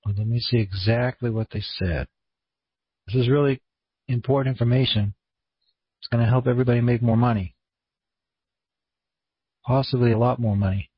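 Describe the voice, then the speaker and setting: A man with a Maine accent and a husky voice, hosting an online conference call in a casual, rambling, laid-back way. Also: mid-range voice, fairly even intonation, moderate pace, pauses often, no echo. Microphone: online conference room call. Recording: dull, muffled lo-fi audio.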